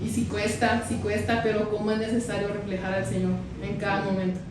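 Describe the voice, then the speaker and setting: A woman's voice: mid-range voice, completely flat delivery, a little fast, heavy reverb, far from the mic, background noise. A woman pastor preaching a sermon and telling her own story with acted quotes. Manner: testimony told with acted quotes.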